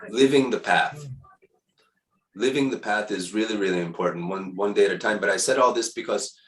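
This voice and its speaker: A man in his fifties giving a casual spiritual monologue as a teacher, unhurried and reflective, repeating words for emphasis. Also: on the low side, a bit bright. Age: 50s. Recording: echoey room.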